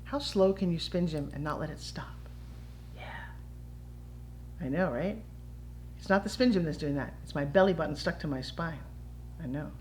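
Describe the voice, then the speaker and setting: A woman's voice: low-pitched, moderate pace, pauses often, darkish tone, a little hiss or hum. A middle-aged woman teaching a fitness-toy demo in a chatty, enthusiastic way with playful asides. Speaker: brand ambassador and fitness instructor. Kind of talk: instructional demo talk.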